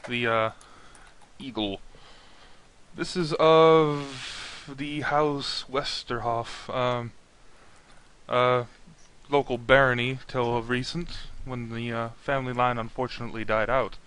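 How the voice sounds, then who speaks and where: A man's voice: medium pitch, steady tone, slow, a bit bright, clear, resonant tone. A man doing a shaky elderly lore master. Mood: scholarly. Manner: slightly shaky, polite old scholar.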